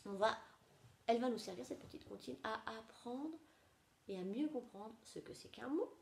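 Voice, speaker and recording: A woman teaching young children a nursery rhyme, gentle and sing-song, dropping at times into soft whispers. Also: on the high side, expressive, moderate pace, gravelly. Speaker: preschool teacher. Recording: echoey room with faint noise.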